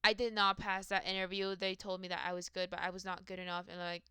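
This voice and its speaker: Bright, crisp-voiced woman ranting profanely. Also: mid-range voice, flat delivery, fast talker, no room sound, studio quality. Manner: profane, rambling, self-mocking. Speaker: vlogger. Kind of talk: casual rant.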